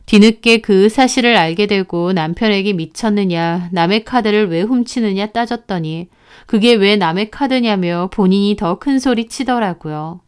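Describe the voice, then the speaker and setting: A woman's voice: medium pitch, normal speed, clear, resonant tone. A woman narrating a first-person story in an aggrieved, recounting manner.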